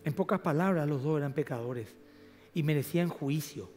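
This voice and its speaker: A male pastor preaches with fervor, rising to loud emphatic peaks and dropping to hushed asides. His voice sits high for a man. The sound carries a long reverb, like a broadcast from a large church hall. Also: moderate pace, faint music behind. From Paraguay. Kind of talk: sermon.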